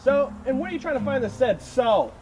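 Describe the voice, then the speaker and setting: A man's voice: extremely high pitch, big pitch swings, fairly quick, poor audio. A man doing a hokey old-newsreel country reporter. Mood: folksy. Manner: hokey country drawl, broadcast announcing. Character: folksy rural male newsreel reporter. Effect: old newsreel broadcast. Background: loud acoustic guitar music.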